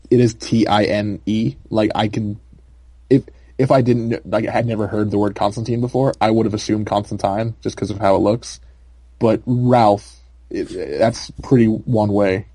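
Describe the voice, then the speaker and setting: A young man co-hosts a podcast in a casual chat, rambling with plenty of fillers and laughing often. His voice is lowish and dark, steady in tone at a moderate pace, with no echo.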